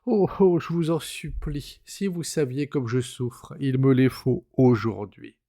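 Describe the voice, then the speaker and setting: A man's voice: medium pitch, very animated, measured pace, darkish tone, no echo, clean studio sound. A man reading aloud voices an anxious young woman who pleads and stammers on the edge of tears. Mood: pleading.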